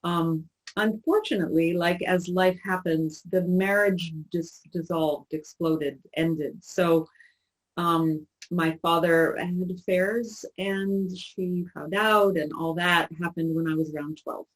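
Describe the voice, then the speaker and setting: A woman in her sixties recalling her childhood in an interview, talking in a halting, reflective way with many restarts. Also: on the low side, fairly even intonation, poor audio. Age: 60s. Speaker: interview guest. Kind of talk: personal recollection in conversation.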